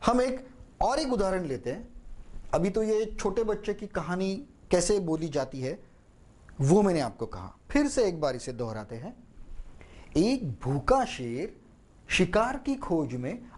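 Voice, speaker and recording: A man teaching public speaking, talking slowly and expressively and stressing key words as he demonstrates how to tell a story. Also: high voice, a little mellow. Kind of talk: instructional talk with demonstration storytelling.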